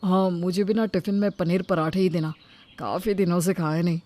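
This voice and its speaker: A man playing a relaxed cartoon husband, high and mellow. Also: normal speed, lightly acted. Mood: easygoing.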